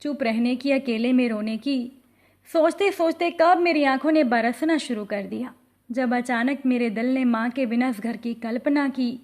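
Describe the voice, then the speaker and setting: A woman narrating an emotional family story in a slow, feeling reading style. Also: high voice, darkish tone.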